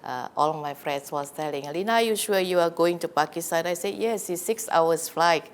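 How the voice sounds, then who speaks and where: A woman's voice: fairly low pitch, normal speed. A woman from Indonesia, a visiting academic answering interview questions in a chatty way full of fillers and restarts.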